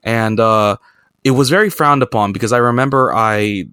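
A man's voice: mid-range voice, normal speed, bright, forceful tone, clear, resonant tone, dry recording, clean studio sound. A man hosting a casual podcast chat, telling rambling, profane stories with laughs in between. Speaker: podcast host.

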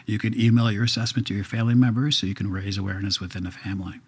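A man working as a genetic counselor, explaining a process step by step in a measured way during an interview, with some fillers. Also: lowish voice, little pitch movement.

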